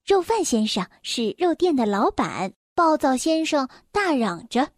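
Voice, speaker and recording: A young woman reading a children's story aloud, gentle and expressive, speaking directly to the children. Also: high-pitched, measured pace, no room sound, clean studio sound.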